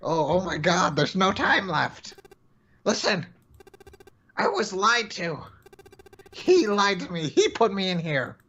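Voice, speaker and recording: An amateur actor playing a panicked, trapped man who stammers and shouts desperate pleas. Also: low voice, very animated, normal speed, gravelly, hardly any pauses, husky, muffled recording, voice pushed down, exaggerated voice. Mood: desperate pleading. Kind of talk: amateur dramatic reading.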